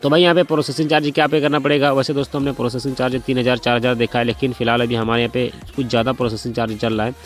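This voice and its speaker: Guy going thru bike finance math fast, repeats every number, chatty with viewers, faint music under it. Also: mid-range voice, level tone. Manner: repetitive, walks through sums step by step, addresses viewers as brothers and friends; speaking slowly and deliberately by choice. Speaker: motorcycle finance explainer. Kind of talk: casual explainer vlog.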